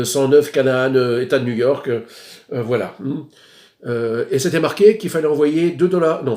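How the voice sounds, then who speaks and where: A man's voice: mid-range voice, a little mellow. Hesitant French-speaking man in echoey room. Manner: hesitant, many fillers, unhurried. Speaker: record collector vlogger. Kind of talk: casual show-and-tell of purchases.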